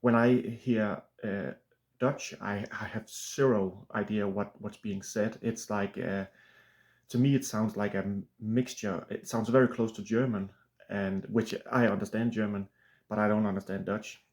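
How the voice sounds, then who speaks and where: Danish-accented male author, flat throaty voice on the low side, halting unscripted chat. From Denmark. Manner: halting, many restarts and fillers. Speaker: author and channel host. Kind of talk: casual unscripted monologue.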